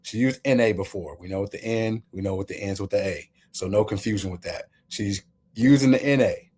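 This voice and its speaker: A man's voice: low-pitched, steady tone, fast, darkish tone, slight background noise. A male host giving opinion commentary, emphatic and walking the listener through his points step by step.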